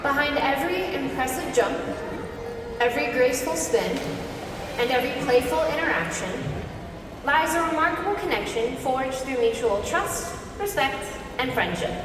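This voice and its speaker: A high-voiced woman delivers scripted, inspirational narration with measured polish. She is heard from far off in a big, heavily echoing venue, with clear background noise. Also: expressive. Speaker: show narrator. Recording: echoey venue playback from afar, noisy.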